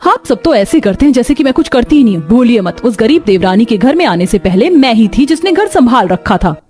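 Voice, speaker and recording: A woman's voice: on the high side, big pitch swings, fairly quick, a little mellow, soft background music. A woman voicing a lazy, jealous young daughter-in-law who talks sarcastically and complains. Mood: resentful. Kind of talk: cartoon voice acting.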